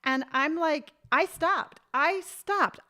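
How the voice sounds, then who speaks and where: A woman's voice: sits high, takes it slowly, pushed and bright. A woman in her late fifties chatting on a live stream, reading viewer comments aloud and telling stories with emphatic conviction. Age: 50s. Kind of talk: casual live-stream chat.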